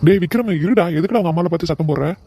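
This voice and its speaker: A man's voice: high voice, rapid-fire. A man voicing a brother in a cartoon who pleads with and coaxes his sibling. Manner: pleading, persuading. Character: coaxing elder brother. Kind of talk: cartoon voice acting.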